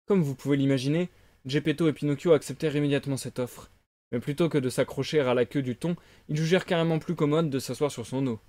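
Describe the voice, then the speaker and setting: A man reading a children's classic aloud in a calm, expressive narration. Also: fairly high pitch, fast, no echo. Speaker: lecteur. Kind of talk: lecture de conte en direct.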